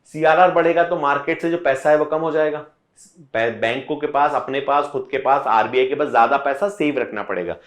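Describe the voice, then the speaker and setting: A man teaching an online economics class in a fairly high voice, slipping between Hindi and English as he goes. He walks students through each point step by step and circles back to repeat what matters. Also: a little fast. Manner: explains step by step, switching between Hindi and English mid-sentence; talks directly to students, repeating points to drive them home. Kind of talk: online exam-prep lecture.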